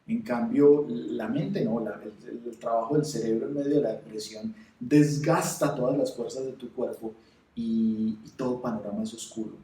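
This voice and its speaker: A man sharing a personal faith testimony, halting and repeating words as he tells his story with feeling. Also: mid-range voice, fairly even intonation, dark tone, reverberant, recorded from a distance, poor audio. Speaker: testimony speaker.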